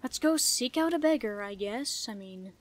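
High-voiced young woman gamer, playful. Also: expressive, normal speed. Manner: playful, chatty, giggly asides. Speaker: gamer, let's play host. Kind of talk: casual gameplay commentary. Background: game music.

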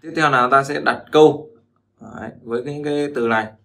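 A man's voice: medium pitch, steady tone, a little fast, fairly bright tone. A man teaching Chinese pronunciation, repeating words after a recording and explaining them. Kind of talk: pronunciation lesson.

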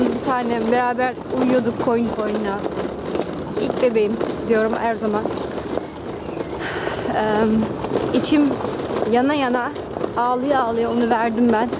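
A young woman vlogging casually as she walks home outdoors, chatting in a personal way with lots of fillers, filmed on a handheld camera. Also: fairly high pitch. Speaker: family vlogger. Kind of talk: casual vlog chat to camera. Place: outdoors on a busy city street, walking home. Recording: loud street traffic noise.

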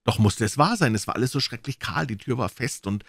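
A man reading a classic crime story aloud with dramatic, expressive narration. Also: mid-range voice, brisk, vocal fry, husky, no room sound, clean studio sound. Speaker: audiobook reader.

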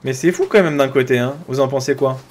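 Excitable French man narrating his gameplay. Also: mid-range voice, fast, slight background noise. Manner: chatty and excitable, talks to viewers and to his character. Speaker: gaming YouTuber. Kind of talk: let's play commentary.

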